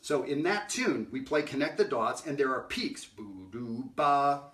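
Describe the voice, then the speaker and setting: A man's voice: a little high, expressive, moderate pace, recorded from a distance, over music. A middle-aged man giving a casual jazz lesson, talking conversationally, singing note examples and often asking "right?". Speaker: jazz educator. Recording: roomy sound from off-mic.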